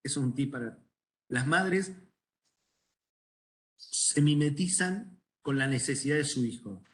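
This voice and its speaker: Unhurried and slightly high-voiced, a middle-aged man with a Rioplatense Spanish accent gives medical students an ENT lecture. The tone is conversational as he quizzes the class and relates anecdotes from his own practice.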